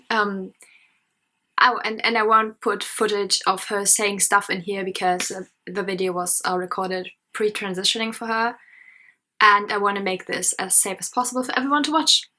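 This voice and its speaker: A nineteen-year-old German-accented woman, who studies history and sociology, chats through an unscripted casual vlog from her parents' house at night. Her mid-range voice is bright and forceful, and she comes across as talkative and self-conscious, using lots of fillers.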